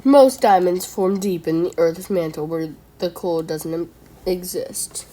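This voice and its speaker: A woman's voice: fairly low pitch, a little slow, warm tone, soft background music. A woman giving casual reaction commentary, chatty and playful, who argues with herself and trips over long words. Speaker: video creator reacting to school myths.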